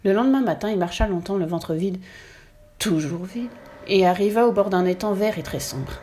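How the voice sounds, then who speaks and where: A woman reading a children's storybook aloud in a lively, expressive way. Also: mid-range voice, moderate pace.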